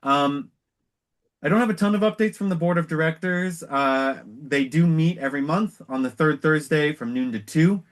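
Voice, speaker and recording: An American man speaking as an organization's director, giving an informal, explanatory meeting presentation with measured phrasing and trailing pauses. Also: fairly high pitch.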